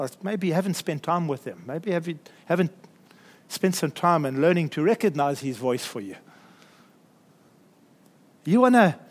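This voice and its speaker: High-voiced man preaching. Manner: earnest preaching with chuckles and asides to the congregation. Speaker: pastor. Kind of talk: sermon.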